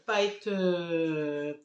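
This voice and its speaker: A woman's voice: fairly low pitch, very slow, a little hiss or hum. A middle-aged woman chatting casually to her phone camera at home, rambling with many hesitant fillers. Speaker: family vlogger. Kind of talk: casual vlog chat to camera. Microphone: handheld phone camera. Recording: echoey home room.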